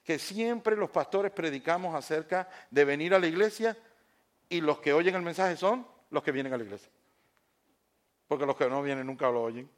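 A male pastor preaching a sermon in church, swinging from shouted lines down to quiet, hushed stretches and asking the congregation questions. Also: fairly high pitch, moderate pace.

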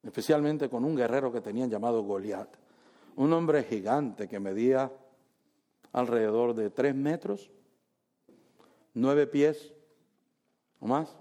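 A man preaching a sermon, telling a story in an animated way with jokes. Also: medium pitch, slow, long pauses.

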